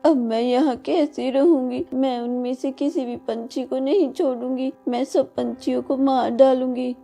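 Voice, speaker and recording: A woman voicing a young witch-bird girl in a storybook cartoon, grieving and vengeful, in a high childlike wailing voice. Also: measured pace, vocal fry, mellow, husky, soft background music, exaggerated voice.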